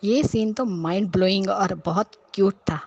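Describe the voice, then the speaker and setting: A woman's voice: medium pitch, moderate pace, a little mellow, slightly rough, dry recording, muffled recording. A woman recapping a TV serial episode as a viewer, outspoken and scolding the characters as she goes. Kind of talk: casual episode recap and commentary.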